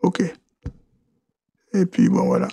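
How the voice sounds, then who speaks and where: This podcast guest, a man from Côte d'Ivoire, answers interview questions haltingly, often repeating words as he starts over. His tone is dark, and the dry recording has studio quality.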